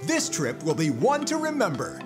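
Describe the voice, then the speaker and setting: A man's voice: high-pitched, wildly swooping pitch, moderate pace. A man reading a scripted prize promotion as a show announcer. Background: music.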